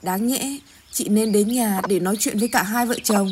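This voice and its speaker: A woman playing a calm, persuasive cooperative leader. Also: mid-range voice, moderate pace, close to an everyday voice. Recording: noisy outdoor skit recording.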